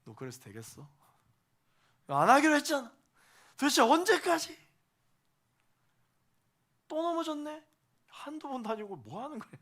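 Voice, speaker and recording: A man's voice: high-pitched, very animated, a little fast, a bit bright, exaggerated voice. A male pastor voicing God as a fatherly figure who speaks straight to a struggling believer, repeating reassurances. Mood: scolding. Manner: speaks directly to the listener in second person, repeats reassurances. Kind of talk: sermon illustration.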